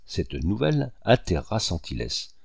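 Low-voiced man narrating a novel, expressive. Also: a little slow, creaky, husky, no echo, clean studio sound. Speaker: audiobook narrator.

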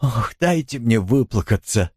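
A man's voice: medium pitch, animated, unhurried, a little mellow, husky, dry recording, studio quality. A man voicing an overwhelmed young woman who speaks breathlessly and tremulously through tears. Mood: tearful.

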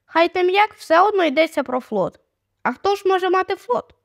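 A woman voicing a lively, curious young girl who exclaims and teases her brother. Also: extremely high pitch, moderate pace, no echo, studio quality, voice pushed up. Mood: musing. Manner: eager, exclaiming, teasing.

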